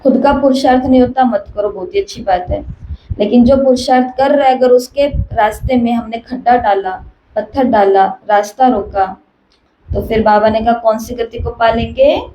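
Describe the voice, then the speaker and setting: A woman with a fairly high, mellow voice delivers a spiritual sermon as a teacher, weaving in small stories and repeating her questions for emphasis. The recording is echoey, with a faint hiss underneath. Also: steady tone, moderate pace. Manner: repetitive emphatic questioning, storytelling. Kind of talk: spiritual discourse.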